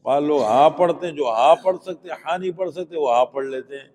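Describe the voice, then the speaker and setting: Teacher drilling letter sounds in a hall. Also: male voice, fairly high pitch, darkish tone. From Pakistan. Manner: patient, asks the class questions and drills letter sounds aloud. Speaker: Quran teacher. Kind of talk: classroom Quran pronunciation lesson. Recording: long hall reverb.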